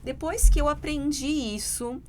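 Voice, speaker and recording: A woman's voice: high voice, measured pace, mellow, slight background noise. A Brazilian woman English teacher co-hosting a podcast, chatting casually and explaining with examples and frequent tag questions.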